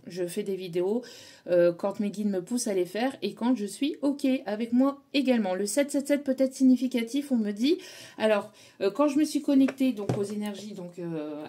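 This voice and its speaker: A woman's voice: medium pitch, normal speed, dark tone. A woman with a French accent giving a casual tarot guidance talk, hesitant and full of fillers. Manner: hesitant, many fillers and restarts. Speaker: tarot reader.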